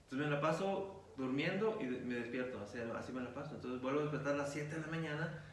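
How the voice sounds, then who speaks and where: A man's voice: a little high, quick pace, far from the mic. A middle-aged preacher, recounting a personal story in a rambling way full of fillers. He sounds like he is in a very echoey room, set well back from the mic. A faint hum of ambience sits underneath. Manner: rambling retelling with many fillers. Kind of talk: storytelling in an interview.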